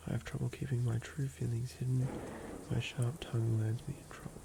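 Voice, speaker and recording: Whispering Australian man, gravelly and soft. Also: medium pitch, flat delivery, brisk. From southern Australia. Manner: soft whisper, musing and rambling. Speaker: ASMR creator building a game character. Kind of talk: whispered ASMR. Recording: noisy ambient background.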